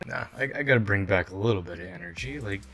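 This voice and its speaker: Low, hushed sardonic man. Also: fast talker, vocal fry. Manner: hushed, mock-seductive narrator delivery; blunt and sardonic. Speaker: reaction video host. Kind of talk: late-night reaction commentary.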